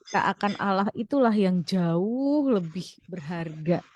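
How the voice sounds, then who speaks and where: A woman's voice: medium pitch, animated, measured pace, a little mellow, lo-fi sound. Woman radio host affirming her guest. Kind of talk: radio talk show. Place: radio studio.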